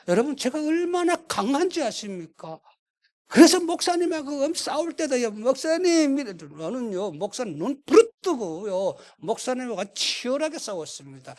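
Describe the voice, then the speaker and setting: Animated male preacher with dramatic swings. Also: high voice. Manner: dramatic storytelling, acts out voices, swings from quiet to shouting. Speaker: pastor. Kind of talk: sermon.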